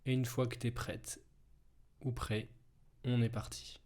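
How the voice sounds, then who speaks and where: A man's voice: mid-range voice, little pitch movement, takes it slowly, darkish tone. A man giving a casual, hesitant introduction with instructions, often repeating himself. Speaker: hypnosis video host.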